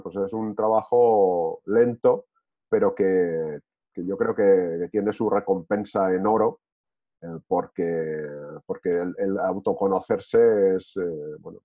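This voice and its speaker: A man speaking reflectively in a casual group discussion, with many hesitations and restarts. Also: sits low. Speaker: discussion participant. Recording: tinny phone-like line.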